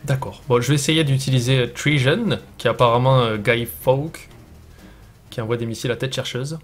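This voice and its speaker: A man's voice: mid-range voice, steady tone, a little fast, faint music behind. A man hosting a gaming show, commentating his own play in a casual, self-mocking way.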